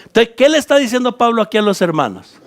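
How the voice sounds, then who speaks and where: A Guatemalan pastor preaches a Bible study with a voice that sits high for a man. His pitch swings widely as he works through the scripture point by point. He keeps turning to his listeners with direct questions. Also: big pitch swings, fast. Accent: Guatemalan Spanish. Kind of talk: Bible study sermon to church leaders.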